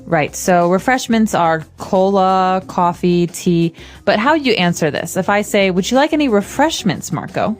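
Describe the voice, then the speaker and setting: A woman's voice: medium pitch, animated, normal speed, faint music behind. A woman co-hosting an English lesson podcast, explaining words with many everyday examples. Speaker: co-host.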